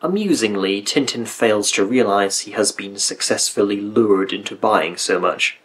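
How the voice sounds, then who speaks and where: A man's voice: fairly low pitch, moderate pace, poor audio. A man reading scripted review narration with dry, critical asides. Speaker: video essay narrator.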